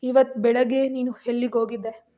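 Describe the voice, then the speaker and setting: A woman's voice: fairly high pitch, level tone, fairly quick, warm tone, lightly acted. A woman voicing an angry, possessive young husband in a storybook reading, curt and scolding. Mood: demanding.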